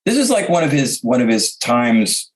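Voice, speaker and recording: A man chatting casually and jokingly as a podcast guest, often halting and repeating words as he thinks. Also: mid-range voice, sing-song, poor audio.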